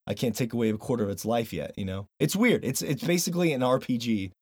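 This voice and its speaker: A man hosts a casual podcast, chatting loosely and animatedly with some swearing, and reads a sponsor plug. His mid-range voice is fast and slightly rough, with no room sound.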